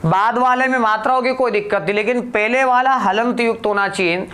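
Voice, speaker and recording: A man teaching a grammar lesson for exam students in a slow, deliberate way, putting questions to the class and answering them himself. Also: very high-pitched, pushed and bright.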